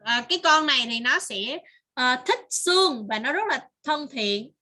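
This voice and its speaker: A woman's voice: high-pitched, animated, moderate pace, sharp tone. A woman teaching English to a child online, patiently repeating words and praising answers.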